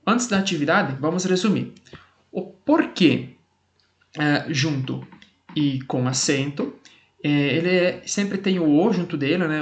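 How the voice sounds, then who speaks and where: A male Portuguese teacher with a Brazilian accent explains grammar rules to the camera. He reads out example sentences with added stress and keeps checking in with "tá bom?". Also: on the high side.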